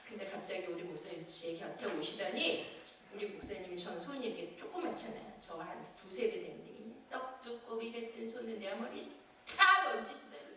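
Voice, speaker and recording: A woman pastor preaching a sermon, telling a personal testimony with lively acted-out scenes and frequent laughter. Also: medium pitch, moderate pace, slight background noise. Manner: animated testimony storytelling, acting out scenes, laughing often. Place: church sanctuary. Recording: echoey church from far off.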